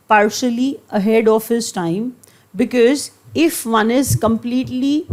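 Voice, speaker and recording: A woman teaching vocabulary for competitive exams, explaining word meanings in a mix of Hindi and English, repeating each word patiently and reading example sentences slowly. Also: a little high, darkish tone. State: occasional coughing. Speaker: vocabulary teacher for exam preparation. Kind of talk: online vocabulary lecture mixing Hindi and English.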